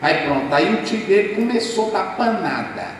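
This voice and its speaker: Animated Brazilian pastor preaching in echoey hall. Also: male voice, sits high, normal speed, recorded from a distance, a little hiss or hum. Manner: animated storyteller, acts out dialogues. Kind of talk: sermon. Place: church hall.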